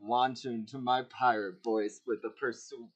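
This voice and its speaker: A man playing in a tabletop game, excitable and laughing as he argues his move. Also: medium pitch, measured pace. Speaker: player. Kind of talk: casual tabletop role-play.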